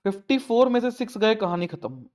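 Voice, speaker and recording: A man's voice: high voice, sing-song, fast talker, a little mellow. A male maths teacher explaining a lesson step by step, coaxing his students and asking them questions. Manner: coaxing, asks students questions, repeats points.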